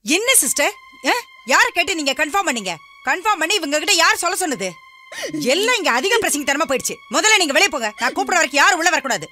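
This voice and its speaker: Film drama: an authoritative woman doctor, firm and coaxing, mid-pitched, film score underneath. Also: lively intonation, unhurried, long pauses, soft background music. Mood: stern. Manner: stern, then gently coaxing.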